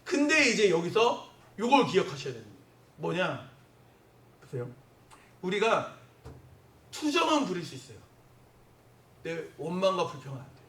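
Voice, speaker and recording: Male pastor, high, animated delivery, heard from afar in a reverberant sanctuary. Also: normal speed, long pauses. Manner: conversational preaching with rhetorical questions to the congregation. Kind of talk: sermon. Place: church sanctuary. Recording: echoey church hall from a distance.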